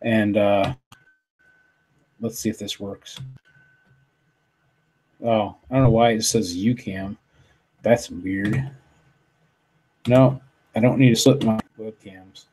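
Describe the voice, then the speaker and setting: A man's voice: lowish voice, fairly even intonation, slow, pauses often, warm tone, slight background noise. Guy rambling on his live stream into a desk mic, lots of ums and restarts, cusses a bit. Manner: rambling, full of fillers and restarts, mild swearing. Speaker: livestream show host. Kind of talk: casual live-stream chat. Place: home office. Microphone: desktop USB studio mic.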